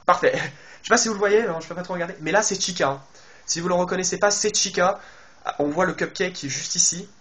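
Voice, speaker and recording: A man talks through a game trailer in a loose, casual way, speaking straight to his viewers. He thinks out loud, filling gaps with hesitations and starting sentences over. His voice sits a little higher than most men's. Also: a little hiss or hum. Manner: chatty, thinks aloud with many fillers and restarts; addresses viewers directly. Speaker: video game YouTuber. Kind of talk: casual trailer analysis commentary.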